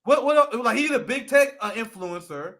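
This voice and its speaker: A man's voice: extremely high pitch, animated, normal speed, a bit bright. A young adult man co-hosting a political commentary show, ranting in a heated, profane way. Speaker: co-host.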